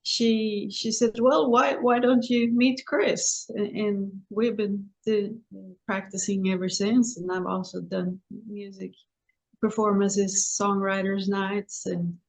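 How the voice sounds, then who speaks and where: A singer-songwriter woman from Sweden, a guest in an interview, who talks slowly and haltingly with many restarts. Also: mid-range voice, fairly even intonation, low-quality recording.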